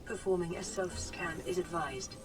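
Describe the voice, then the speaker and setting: An actor voicing a calm, gentle AI assistant that monitors health, with a smooth synthetic computer sound and even, soothing announcements. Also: medium pitch, normal speed, music in the background. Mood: calm, reassuring.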